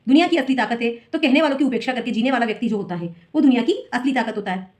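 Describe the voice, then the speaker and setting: A woman's voice: a little high, racing, darkish tone. A woman teacher who reads each exam question aloud and then explains the answer step by step for students. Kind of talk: solving an exam paper for students.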